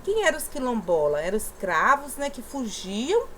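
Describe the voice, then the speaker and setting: A woman from southeastern Brazil teaches a primary class in a recorded lesson. Her voice sits a little high, and she coaxes patiently and punches out syllables as she speaks. A faint hiss of background noise runs underneath. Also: wildly swooping pitch, normal speed, a bit bright, low-quality recording. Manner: patient, coaxing, stresses syllables aloud.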